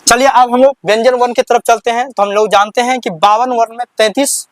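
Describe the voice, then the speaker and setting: A high-voiced man teaches the alphabet like a classroom lesson, asking "what will we read?" and answering it himself. The sound is close and completely dry, with no room echo. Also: steady tone. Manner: repeats questions back to students, counts slowly. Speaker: Hindi teacher. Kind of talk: slow classroom explanation.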